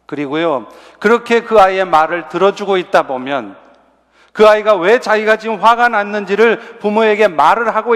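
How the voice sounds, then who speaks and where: High-voiced preaching man, echoing church hall. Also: fairly bright tone. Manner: conversational preaching with rhetorical questions and light humor. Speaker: pastor. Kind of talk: sermon.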